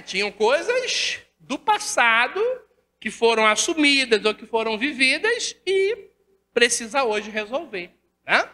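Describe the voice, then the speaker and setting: In the lecture hall of a spiritist center, a woman with a Rio de Janeiro Brazilian Portuguese accent gives a spiritist lecture, asking rhetorical questions, constantly tagging sentences with questions to the audience, and acting out dialogues. Her voice sits high, bright and forceful, in a reverberant hall.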